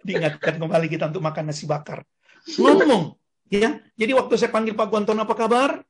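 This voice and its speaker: Older man, pastor, online sermon, husky voice, animated call-and-response. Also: high-pitched, fast talker. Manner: animated, calls congregation to repeat words.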